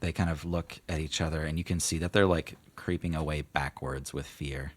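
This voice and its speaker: A man narrating a tabletop game as game master in a casual, halting, improvised way. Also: extremely low pitch, steady tone.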